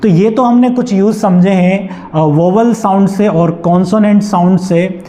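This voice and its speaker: A man's voice: high voice, measured pace, dark tone. A young man with a Hindi accent teaching an English grammar lesson. He keeps asking the class questions and then answers them himself. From India.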